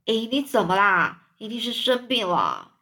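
A dignified old male grasshopper from a storybook, calm and kindly, a proud musician, played by a woman reading aloud. The voice is somewhat high. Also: a little slow, heavily acted.

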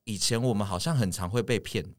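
A man's voice: fairly low pitch, quick pace, darkish tone. A young Taiwanese man co-hosting a casual podcast chat, joking and asking teasing questions. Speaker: podcast co-host.

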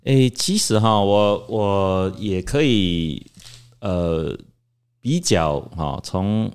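A man, a lawyer explaining legal points in a measured way, full of drawn-out fillers. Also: on the low side, lively intonation, smooth. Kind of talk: discussion.

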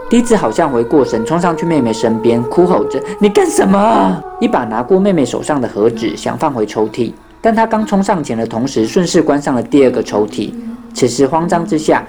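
Lively ghost story narrator. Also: mid-range voice. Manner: acts out children's voices in dialogue.

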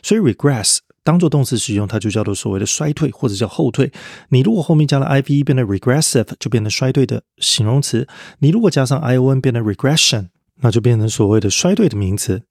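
In a podcast vocabulary lesson, a man explains English word roots step by step and spells words out letter by letter. His medium-pitched voice is expressive, quick, and somewhat dark, captured in dry studio-quality sound with no echo.

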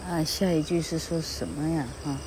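This older woman has a deep, mellow voice and a Taiwanese Mandarin accent. She teaches English grammar in a chatty, rambling way, often closing phrases with "ha" and spelling words one letter at a time. Faint insect chirping and background noise sit under her voice. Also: normal speed. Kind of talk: casual spoken lesson.

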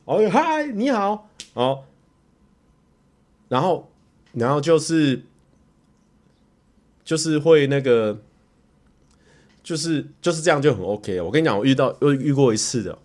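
A man with a Taiwanese Mandarin accent telling a story casually on a livestream, animated and stammering through repeated words as he acts it out. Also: medium pitch. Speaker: livestreamer and YouTuber.

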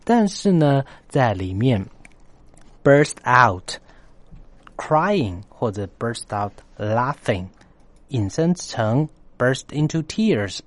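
Male host of a story-based English lesson, emphatic, repeats and spells out key words, animated pitch, dry close mic. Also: no echo.

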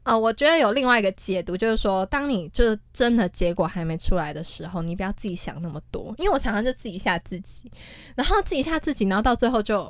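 A young woman, telling a personal story in casual chat as a co-host, expressive and quick to laugh. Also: medium pitch, no echo. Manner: animated, expressive storyteller who laughs often.

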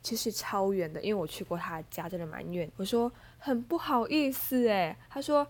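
A woman's voice: medium pitch, moderate pace. Chatty young Taiwanese woman with a stuffy nose. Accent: Taiwanese Mandarin. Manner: chatty, animated retelling with many fillers. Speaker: podcast host. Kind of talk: casual storytelling monologue.

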